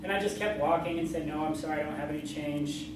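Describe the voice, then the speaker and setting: A person telling a tall tale to a live audience in an animated way, acting out bits of dialogue as they go. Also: medium pitch, quick pace. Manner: animated, acts out dialogue and moves. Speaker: contestant in a storytelling contest. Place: live event room with an audience. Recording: very echoey, noisy room, distant mic.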